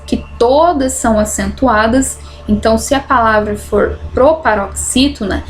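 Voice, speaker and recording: A woman teaching a grammar lesson, explaining patiently and drawing out example words slowly. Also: on the high side, a little hiss or hum. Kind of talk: recorded online grammar lesson.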